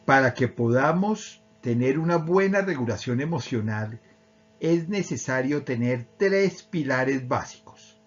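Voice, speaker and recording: A man with a Colombian accent, calmly explaining how emotions work with everyday examples. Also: mid-range voice, a little slow, highs cut off, slight background noise. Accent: Colombian Spanish. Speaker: speaker on emotional education. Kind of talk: explanatory talk.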